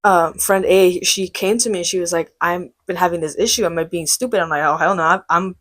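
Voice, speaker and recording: A woman's voice: fairly low pitch, brisk. A woman in her twenties telling a story in a casual chat with her sister, acting out what people said. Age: 20s. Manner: animated storytelling, acts out quotes. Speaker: podcast co-host.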